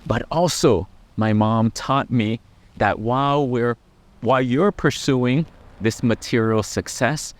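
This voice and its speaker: Slow, earnest man with dry sound. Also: medium pitch, no echo. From Laos. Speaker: Buddhist monk sharing life lessons. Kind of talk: personal reflective talk to camera.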